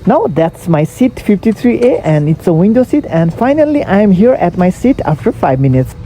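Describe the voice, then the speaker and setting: A woman's voice: lowish voice, big pitch swings, moderate pace, dark tone, soft background music. A woman narrating a travel vlog in a plain, matter-of-fact, scripted way. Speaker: travel vlogger.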